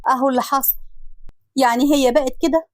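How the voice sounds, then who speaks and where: A woman's voice: high-pitched, fairly even intonation, fast talker, no echo, pitched above the performer's own voice, lightly acted. A woman with an Egyptian Arabic accent voicing an older mother who speaks in a soothing, resigned way.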